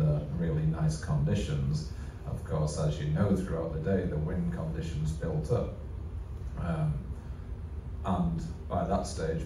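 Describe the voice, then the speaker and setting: Deep-voiced male ship captain, very echoey. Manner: conversational, explanatory, rhetorical questions. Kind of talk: live interview answers, explaining to an audience. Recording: very echoey, distant mic, clear background noise.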